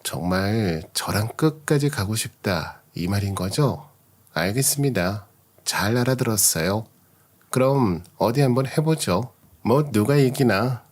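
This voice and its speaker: A man's voice: lowish voice, lively intonation, measured pace. A man voicing a betrayed young wife who confronts her husband with cold sarcasm. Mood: scornful.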